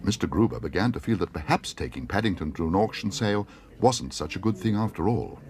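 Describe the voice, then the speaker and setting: A man reads a children's story aloud in a low voice that moves around with lots of melody. His delivery is expressive and warm in rhythm, with the tone of a classic storybook narration. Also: a little fast.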